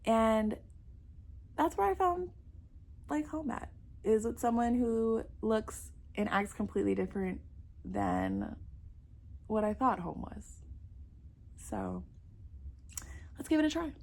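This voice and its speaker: Slow and creaky, with frequent pauses, she speaks in a fairly high, slightly mellow voice that swings widely in pitch. A South Florida millennial in her 30s, she chats sassily to camera about dating, calling everyone girl and babe.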